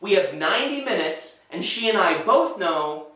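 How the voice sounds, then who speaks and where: Male comic, twenties, higher-pitched voice, theatrical storyteller with dramatic pauses, very echoey sound. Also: big pitch swings, bright, forceful tone. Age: 20s. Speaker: stand-up comedian. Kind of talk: stand-up comedy storytelling. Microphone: handheld microphone. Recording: very echoey, somewhat distant sound.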